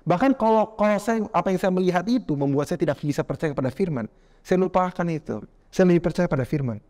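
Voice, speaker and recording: A man preaching a lively sermon, talking straight to his listeners and slipping English phrases into his talk. His voice sits a little higher than most men's. His delivery is animated and direct. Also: fast.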